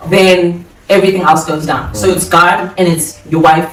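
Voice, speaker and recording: A man's voice: high-pitched, fairly even intonation, normal speed, a bit bright. A man giving pastoral advice in a conversational panel style, with emphatic, repeated phrasing. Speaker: panel guest, minister. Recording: echoey room, distant microphone.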